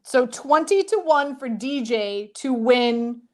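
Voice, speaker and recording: Female host, higher pitch, brisk and steering, sports betting show. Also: a little mellow. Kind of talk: hosting a sports betting panel.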